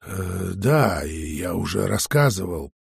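Brief: man voicing a low, raspy, guarded hero for an audiobook, speaks softly and carefully. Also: lively intonation, slow, dry recording, clean studio sound, exaggerated voice. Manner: cautious, quiet. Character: wary male scientist, hero.

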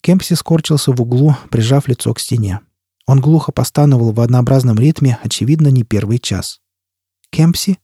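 A man narrating an audiobook in steady, measured storytelling. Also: mid-range voice, husky, no room sound, clean studio sound. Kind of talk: scripted narration.

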